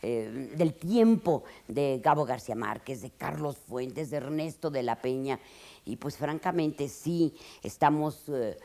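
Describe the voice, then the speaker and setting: Elderly Mexican woman, eighties, reflective interview, halting, expressive delivery. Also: very deep voice, gravelly. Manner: expressive, halting, with restarts and dramatic emphasis. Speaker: writer interviewed in archive footage.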